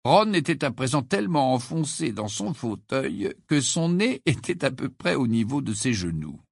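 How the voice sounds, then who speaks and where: A man's voice: medium pitch, moderate pace, creaky, slightly rough, no echo, studio quality. A man narrating an audiobook expressively, acting out the characters. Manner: lively storytelling, acts out characters. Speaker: audiobook reader.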